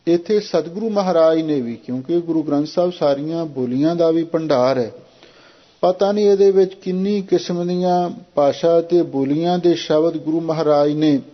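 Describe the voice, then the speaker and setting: A man giving a Sikh devotional sermon, slowly intoning scripture verses and then explaining them in plain talk. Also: fairly high pitch, highs cut off.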